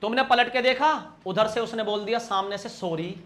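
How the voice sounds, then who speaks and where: A young male teacher with a high, bright voice runs an exam-prep grammar lesson. He teases his students, fires questions at them and answers them himself. He acts out quick everyday scenes to make each point stick. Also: fairly even intonation.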